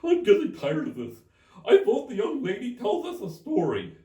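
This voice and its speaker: A man's voice: sits high, wildly swooping pitch, normal speed, mellow, pitched above the performer's own voice. A man voicing a bored, pushy storybook hare with an insistent manner. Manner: interrupting, insistent. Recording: roomy, distant microphone.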